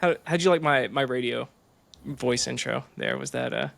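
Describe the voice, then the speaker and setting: A man's voice: medium pitch, normal speed, creaky, a bit bright. A man hosting a podcast, chatting casually and joking between many fillers and restarts. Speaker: podcast host. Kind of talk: casual chat.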